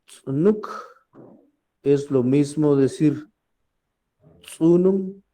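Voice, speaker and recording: A man teaching a language class in a very slow, unhurried way, his voice dark and mellow. He says each word more than once and keeps checking with "¿verdad?". He clears his throat from time to time. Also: mid-range voice, animated. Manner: slow, repeats words and asks "¿verdad?" often.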